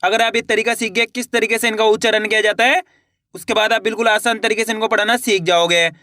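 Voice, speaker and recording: A man teaching a reading lesson online, sounding out words slowly syllable by syllable. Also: sits high, fairly even intonation, bright, forceful tone, no echo, studio quality. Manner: slow, drawn-out syllable-by-syllable pronunciation.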